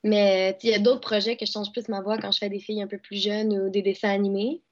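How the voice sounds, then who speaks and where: A woman's voice: medium pitch, level tone, fast talker. A young woman with a Québécois accent, an actress and dubbing artist, chatting casually in an interview with lots of fillers and restarts. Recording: dull lo-fi sound.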